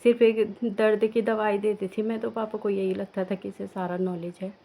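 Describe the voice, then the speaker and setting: A woman's voice: mid-range voice, level tone, moderate pace, warm tone, rough recording. A young woman vlogger telling a personal story in a casual, rambling way, full of restarts, from her village home. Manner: emotional, rambling with many restarts and fillers.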